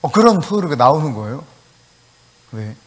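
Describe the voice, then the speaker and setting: A male pastor preaching a sermon, telling a story with acted-out dialogue and sudden shouted commands. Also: on the high side, sing-song, normal speed, big-room sound. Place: church sanctuary.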